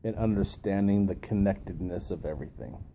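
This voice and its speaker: A man talking in a musing, halting way with long pauses, as a video host giving a reflective philosophical monologue with a pipe in his mouth. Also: low-pitched, warm tone, slight background noise, poor audio.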